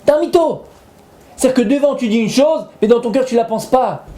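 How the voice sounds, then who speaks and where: A man's voice: very high voice, brisk, warm tone, roomy sound. A man, a rabbi, giving a Torah lesson, explaining patiently and repeating his points while weaving in Hebrew terms.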